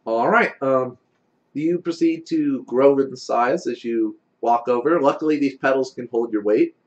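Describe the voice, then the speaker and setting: A man narrating a casual tabletop game as game master, expressive and conversational. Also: mid-range voice, a little slow, lo-fi sound.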